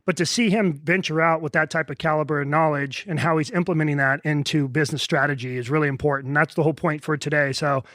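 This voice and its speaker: A man's voice: on the high side, fairly even intonation, fast, few pauses, fairly bright tone, no room sound, clean studio sound. A man hosting a podcast interview, enthusiastic and rambling as he introduces and questions his guest. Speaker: podcast host.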